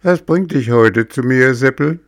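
A man's voice: medium pitch, a little slow, no room sound, studio quality, pitched above the performer's own voice, lightly acted. A man voicing a joking older male carpenter in a storybook reading. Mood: teasing.

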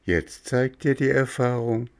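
Man doing a higher-voiced lecturing cricket. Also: measured pace, natural voice. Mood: reproachful. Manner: reproachful, lecturing. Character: wise, stern little talking cricket. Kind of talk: storybook narration.

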